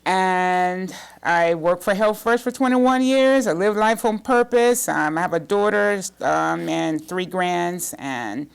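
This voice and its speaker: A woman's voice: fairly low pitch, expressive, slow, vocal fry, hardly any pauses, clean tone. A woman in her fifties from the Bahamas, a guest telling her story plainly and earnestly in a studio interview. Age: 50s. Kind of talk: talk show interview.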